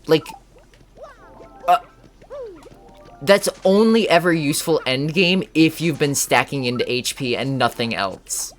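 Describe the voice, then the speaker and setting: A man's voice: fairly high pitch, unhurried, long pauses, soft background music. A man streaming a video game, talking through his choices in an offhand, musing way. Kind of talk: casual gameplay commentary.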